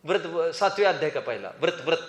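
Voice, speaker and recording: A man's voice: a little high, sing-song, quick pace. A man teaching a scripture class, questioning students by name and urging them to raise their hands. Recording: echoey hall reverb.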